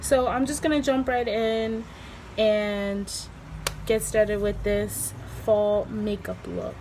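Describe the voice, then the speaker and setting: Female beauty vlogger, mid-pitched and unhurried, slightly hoarse, informal rambling tutorial delivery, clear background noise. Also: flat delivery. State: slightly hoarse, recovering from lost voice. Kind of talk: casual makeup tutorial chat.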